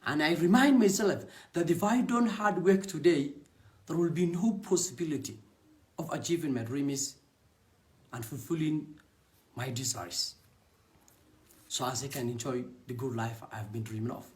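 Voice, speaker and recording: This young man, a native Somali speaker with a matching accent, shares an earnest testimonial about his network marketing work. He speaks in short, halting bursts, with a voice pitched a little high.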